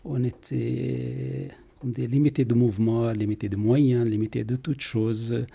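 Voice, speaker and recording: A man from Palestine, answering interview questions slowly and haltingly in his living room. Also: medium pitch, steady tone, creaky, mellow, breathy edge. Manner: halting, searching for words. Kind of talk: radio interview.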